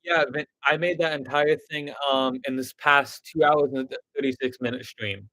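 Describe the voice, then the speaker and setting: A man's voice: medium pitch, normal speed, pushed and bright, no room sound, low-quality recording. A man chatting loosely and jokingly with his viewers as a stop-motion creator on a casual livestream.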